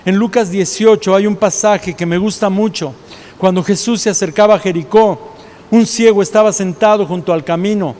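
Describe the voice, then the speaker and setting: Mexican pastor, high male voice, storytelling sermon in a reverberant church hall. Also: normal speed, a little mellow. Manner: storytelling preacher, acts out quoted voices.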